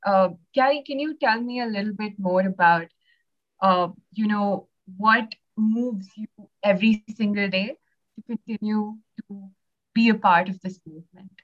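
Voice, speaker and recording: A young woman hosting a podcast, speaking in a measured, partly scripted way. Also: mid-range voice, highs cut off. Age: young adult. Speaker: podcast host.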